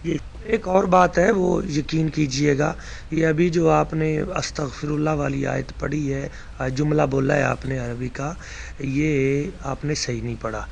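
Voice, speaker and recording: A man's voice: on the high side, steady tone, creaky, a little hiss or hum. A man in a voice-message debate, correcting recitation errors and scolding with rising heat. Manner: heated, scolding, rises into shouting rebukes.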